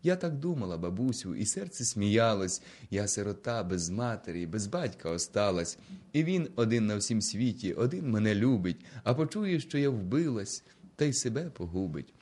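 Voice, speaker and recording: A man's voice: fairly low pitch, very animated, moderate pace, breathy edge. A man voicing a grieving young orphan girl. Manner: soft, plaintive, hushed. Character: frightened young orphan woman, grieving and devout.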